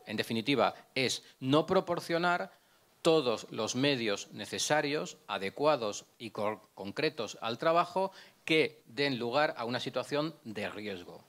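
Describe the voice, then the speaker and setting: Speaking at a measured pace, the middle-aged prosecutor has a mid-range, fairly bright voice with lively intonation. He lectures with slides in an indoor conference room, handheld microphone in hand, working through points step by step, questioning himself and restarting often.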